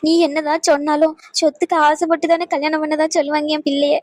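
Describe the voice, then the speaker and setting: A woman's voice: sits high, level tone, quick pace, darkish tone, dry recording, clean studio sound, lightly acted. A woman voicing a worried, tearful mother in a cartoon, speaking in a sorrowful, plaintive way.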